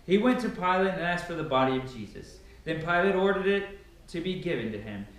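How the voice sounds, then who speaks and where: Filmed from a few meters away in a big, sparse living room with strong echo, this young adult man delivers a Bible passage in an emphatic, declamatory style. His voice runs high and expressive, a touch quick and somewhat bright.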